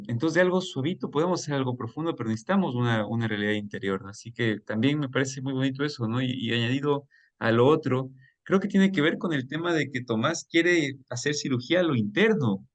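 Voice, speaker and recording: A man hosting a reading group, talking in a relaxed, casual way with many rhetorical questions. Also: medium pitch. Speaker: reading club host. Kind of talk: casual book club discussion over a call.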